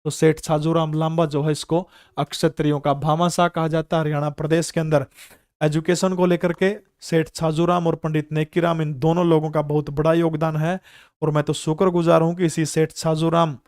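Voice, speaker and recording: A man's voice: on the high side, flat delivery, normal speed, darkish tone, dry recording, studio quality. Haryanvi man teaching an exam class. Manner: repetitive, quizzing students with rhetorical questions. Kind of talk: online GK class lecture.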